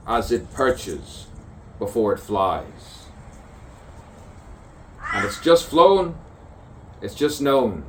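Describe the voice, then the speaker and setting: A man with a mid-range voice stands outdoors on an avenue improvising spoken-word poetry as a solo soliloquy. He muses theatrically in a stream of consciousness, hammering on repeated phrases and rhymes. The mic is distant, and clear outdoor sounds of crows and birds cawing fill the background.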